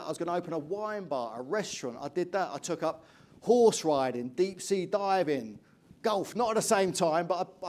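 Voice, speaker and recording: An English man in middle age delivers a motivational keynote, his fairly high voice driving energetic stories. He keeps turning to the audience with direct questions. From England. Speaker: motivational speaker.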